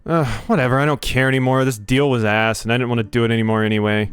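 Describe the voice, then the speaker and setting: A man's voice: mid-range voice, steady tone, quick pace, clear, resonant tone, close to an everyday voice. A man voicing a snarky, foul-mouthed teenage girl assassin who sneers and swears. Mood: defiant.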